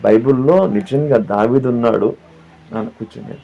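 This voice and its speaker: A man's voice: medium pitch, normal speed, vocal fry. A man pastor preaching a sermon who asks the listeners questions, repeats his phrases and sings hymn lines. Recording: dull lo-fi audio with faint background.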